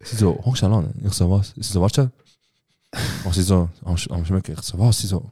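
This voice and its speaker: A man's voice: deep voice, a little fast. A young man with a Swiss German accent, a podcast co-host, telling a story in casual chat and acting out what everyone said. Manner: animated, quotes people with "ich so" and acts out their lines.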